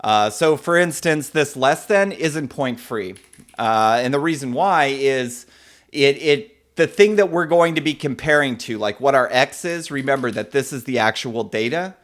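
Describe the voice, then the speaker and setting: A man runs a relaxed live-coding lesson from his desk. He talks loosely, with lots of "uh" and "um", and stops now and then to greet people in the chat. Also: mid-range voice, measured pace. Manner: casual, many fillers, reads chat names aloud. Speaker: programming instructor.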